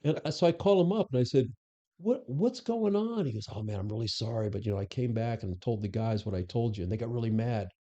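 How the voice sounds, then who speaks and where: Mellow-voiced man telling stories. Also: lowish voice, fast talker, few pauses, highs cut off. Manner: anecdotal, acts out quoted dialogue. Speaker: interview guest, former police superintendent. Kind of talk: conversational storytelling.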